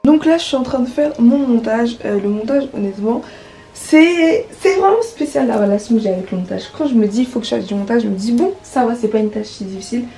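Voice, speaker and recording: A woman's voice: on the high side, fast talker, mellow, soft background music, poor audio. Chatty teenage girl vlogging. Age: teens. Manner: chatty, many fillers. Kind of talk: casual vlog narration.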